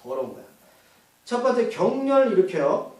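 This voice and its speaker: Male pastor, sermon, questions and answers to the congregation, high voice, echoey hall, distant mic. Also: sing-song, moderate pace, warm tone. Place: church. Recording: echoey church hall from far off.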